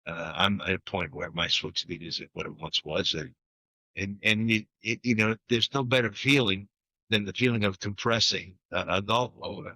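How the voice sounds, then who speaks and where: A man's voice: fairly low pitch, normal speed, sharp tone, no echo, rough recording. A man co-hosting a golf podcast, telling rambling stories in casual chat with frequent restarts. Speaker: podcast co-host.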